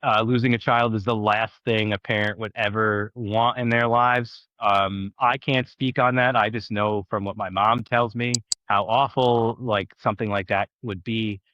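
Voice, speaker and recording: A man's voice: lowish voice, steady tone, measured pace, few pauses, sharp tone, no room sound, dull audio. A man hosting a podcast who responds sympathetically in a hesitant way, with many restarts. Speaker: podcast host. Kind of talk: casual chat.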